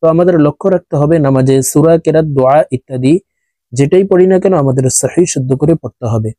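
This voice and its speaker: A man teaching Quran recitation, spelling out letters and vowel marks one by one, then chanting the words slowly, with brisk explanations in between. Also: fairly high pitch, mellow, no room sound. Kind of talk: slow spelled-out recitation lesson.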